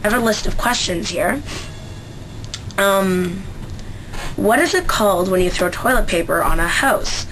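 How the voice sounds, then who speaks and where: A woman's voice: medium pitch, animated, a little slow, long pauses, a bit bright, a little hiss or hum, low-quality recording. A young woman from Central Canada with a Canadian accent, chatting casually in a vlog, hesitant with many fillers and restarts. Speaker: vlogger. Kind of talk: casual dialect-survey vlog.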